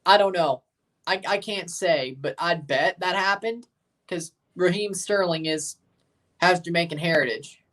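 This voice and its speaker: Reacting to a match on his livestream, a Southern man from Mississippi chats loosely and rambles while responding to viewer comments. The distant mic captures a high-pitched, fairly bright voice that never hurries.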